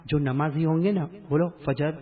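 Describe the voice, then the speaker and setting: A male preacher giving a sermon to a live gathering, calling out for the crowd to repeat after him and chanting verses slowly, moving between hushed talk and loud calls. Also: a little high, steady tone, phone-quality sound. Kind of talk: sermon with call-and-response.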